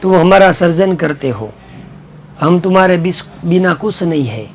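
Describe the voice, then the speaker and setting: A man's voice: high voice, expressive, moderate pace, a little hiss or hum. A man voicing a humble machine that pleads it is nothing without the people who built it. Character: humble machine surrendering to its human maker.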